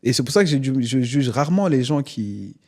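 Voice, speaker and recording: Speaking a little fast at medium pitch, this non-native French-speaking man is an interview guest and stage performer swapping stories in a relaxed podcast studio chat. He's animated, imitates the voices of those he quotes, and drops "tu vois" constantly.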